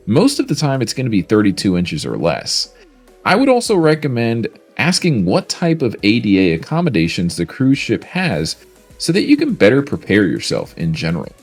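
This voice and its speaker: With faint music playing behind, a mobility scooter company presenter from Florida, USA, runs through a scripted product video in a lively, salesy, upbeat way. His voice is husky and mid-range, at a moderate pace.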